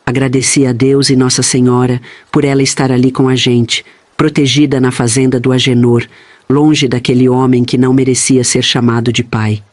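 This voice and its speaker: A man reading a first-person family story in a steady, earnest storytelling manner. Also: mid-range voice, normal speed, no room sound. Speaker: narrator.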